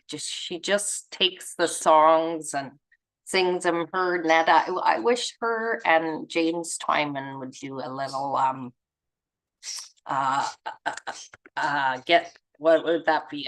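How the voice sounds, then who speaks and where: A woman with a deep, slightly bright voice speaks slowly as she reads to her spiritual study group over an online video call. Between passages she rambles casually, chuckling, trailing off, and hunting for words. The recording is rough.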